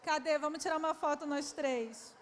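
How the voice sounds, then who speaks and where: A woman's voice: sits high, moderate pace. A Brazilian woman, a historian, running an affectionate quiz for schoolchildren in a large hall and coaxing them with endearments. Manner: affectionate, coaxing, calls children "my love". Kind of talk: lively quiz with children at a public event. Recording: reverberant hall, faint background noise.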